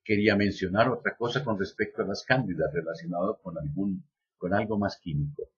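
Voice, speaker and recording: A man giving a lecture, reading a text aloud at an even pace and adding slow joking asides. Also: low voice, slightly rough, lo-fi sound. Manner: reads steadily, then drops in slow joking asides. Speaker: lecturer on biodecoding.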